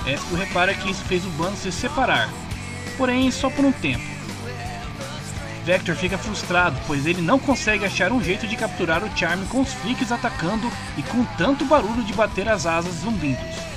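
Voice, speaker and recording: Clear background music sits under this Brazilian-accented man as he narrates a scripted comic story retelling. His voice is high and animated, moving at a normal speed.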